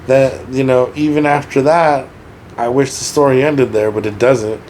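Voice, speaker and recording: A man's voice: medium pitch, fairly even intonation, moderate pace, darkish tone, a little hiss or hum, poor audio. A man, a rapper guest on a podcast, talking candidly and sombrely in casual conversation and swearing freely.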